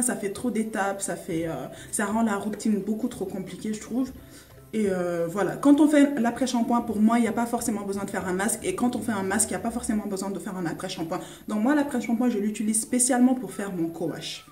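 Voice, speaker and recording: A woman's voice: mid-range voice, mellow, distant mic. Chatty woman, echoey room. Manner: chatty, informal, many fillers and restarts. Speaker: beauty vlogger. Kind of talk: casual product review.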